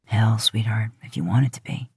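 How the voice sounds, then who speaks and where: Woman doing rough, low-voiced flirty Dean Winchester. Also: moderate pace, a little mellow, no room sound, studio quality, full character voice.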